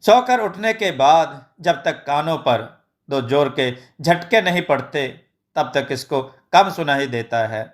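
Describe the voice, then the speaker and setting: A man's voice: fairly high pitch, expressive, slow. A man voicing a patient village mother who pleads and apologizes for her son. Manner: pleading and soothing.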